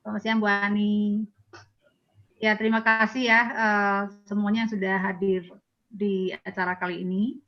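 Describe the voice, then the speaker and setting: A woman on an online panel speaks in a measured, polite manner. Her voice sits in a mid range for a woman, and she picks her words carefully. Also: medium pitch, level tone, dull audio. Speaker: panelist giving closing remarks.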